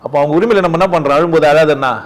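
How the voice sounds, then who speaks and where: A man giving an informal spiritual talk at a satsang, animated and full of rhetorical questions, often laughing as he speaks. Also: a little high, rapid-fire. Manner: laughs often while talking.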